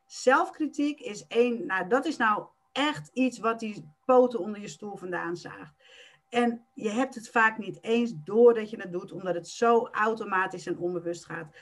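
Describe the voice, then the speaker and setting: A woman coach in a podcast interview who explains how to stop self-criticism and sometimes acts out quick bursts of inner self-talk. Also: mid-range voice.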